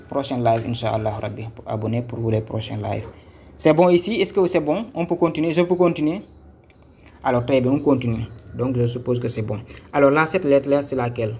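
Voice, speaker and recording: A man's voice: medium pitch, a little mellow, slight background noise. A man teaching a live-streamed lesson on Quran reading, patient, repeating each step and checking if viewers follow. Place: Senegal.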